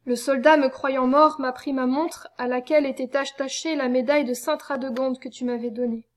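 A woman voicing a dying young male soldier, gentle and devout, speaking faintly. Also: high voice, fairly even intonation, lightly acted. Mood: weak. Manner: faint, fading, slowing speech.

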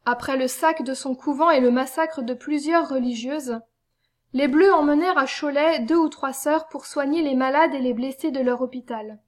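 Woman, high voice, solemn measured narration, audiobook reading. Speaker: reader.

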